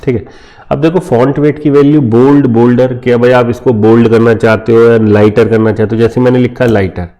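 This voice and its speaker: A man with an Indian accent talks through a screen-recorded coding lesson at an ordinary pitch. His voice is dark and mellow, and his manner is loose and chatty, full of little "okay, friends" check-ins. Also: fairly even intonation, a little fast. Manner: informal, addresses viewers as friends, frequent "theek hai" fillers. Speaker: coding tutor.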